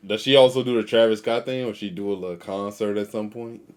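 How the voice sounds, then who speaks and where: A young man co-hosting a casual chat, easygoing and agreeable, often trailing off softly. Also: fairly low pitch, fairly even intonation, fast talker. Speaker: podcast co-host.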